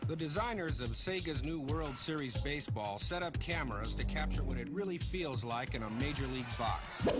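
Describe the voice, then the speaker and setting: Man, commercial narrator, conversational scripted read, middle pitch, loud music.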